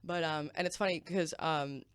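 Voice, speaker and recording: A woman's voice: deep voice, steady tone, normal speed, clear, resonant tone, no echo, clean studio sound. A young woman from Galicia in Spain, a podcast guest chatting casually, rambling with many fillers and easy laughs. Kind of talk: casual chat.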